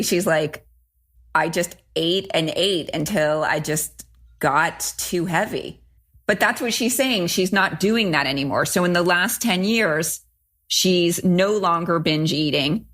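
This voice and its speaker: A woman's voice: fairly low pitch, fairly bright tone. A woman co-hosting a podcast, talking casually and emphatically about a student's story, often restarting sentences. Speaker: podcast co-host.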